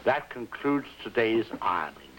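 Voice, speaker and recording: A television host delivers scripted, wry introductions in a dry, deadpan, formally droll way. His low voice moves at normal speed and sounds like an old 1950s TV broadcast with faint hiss and hum.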